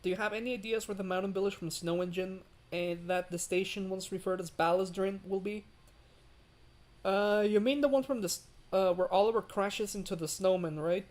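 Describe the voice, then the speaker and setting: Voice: mid-range voice, moderate pace, darkish tone. A livestreamer chatting casually while building a railway in a game, rambling with many fillers and greeting chat. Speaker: livestream host.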